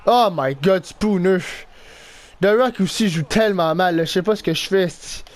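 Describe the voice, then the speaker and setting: A young man with a Québécois French accent giving excitable live commentary over his own hockey video game, swinging between groans and shouts. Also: high-pitched, moderate pace. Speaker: gaming YouTuber.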